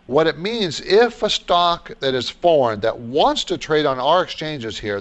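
A man's voice: mid-range voice, muffled recording. A man hosting a radio call-in show, giving explanatory, unscripted financial advice and posing questions he answers himself.

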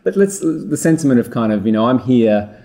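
Upbeat male podcast host, dark voice. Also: medium pitch, animated, brisk. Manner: enthusiastic, rambling with restarts. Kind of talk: podcast interview. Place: studio in Dubai.

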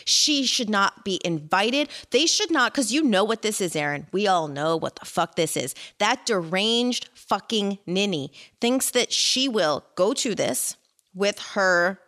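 A woman co-hosting a podcast in casual chat, talking emphatically and excitably, with heavy swearing. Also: mid-range voice, a little slow. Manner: emphatic, heavily profane, excitable. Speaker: podcast co-host.

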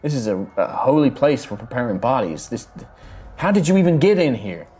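A man's voice: medium pitch, expressive, brisk, darkish tone, slightly rough, faint music behind. A man voicing a stern, protective female knight who watches over a holy temple. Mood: firm. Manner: protective, firm and suspicious.

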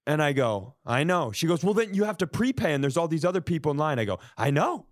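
With a slightly high voice at a quick clip, a man hosting a podcast spins a comedic yarn, cursing in exasperation and acting out the conversations. It's recorded at studio quality with no echo.

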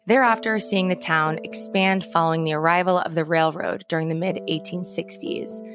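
Low-voiced American woman, true crime narrator. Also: fairly even intonation, moderate pace. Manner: true crime narrator, posing dramatic questions. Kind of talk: scripted narration. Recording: music behind the voice.

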